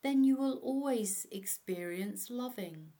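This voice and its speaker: A woman narrating a guided meditation as an instructor, in a measured way. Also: fairly high pitch, expressive, dark tone. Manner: slow, measured, instructional delivery.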